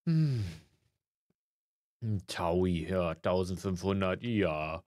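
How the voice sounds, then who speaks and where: Man, let's play commentary, grumbly, swears, lowish voice. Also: very slow, darkish tone, no echo, clean studio sound. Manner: grumbling, swears a lot, mock-polite shop greetings. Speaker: gaming let's player. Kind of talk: casual gameplay commentary.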